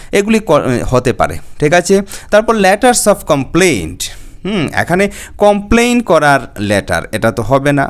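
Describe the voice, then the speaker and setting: A man teaching an exam-prep lesson, explaining patiently, repeating key terms, asking rhetorical questions and reading English phrases slowly. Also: on the high side. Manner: reads English option text slowly and deliberately.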